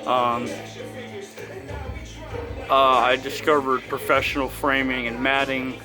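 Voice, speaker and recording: A man in his thirties with a lisp and whistling s, giving a casual, halting video tour of his collection at home. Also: mid-range voice, little pitch movement, music in the background. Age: 30s. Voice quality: lisp with whistling s from new braces. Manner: halting, pauses mid-sentence. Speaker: collector presenting own collection. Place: inside a house.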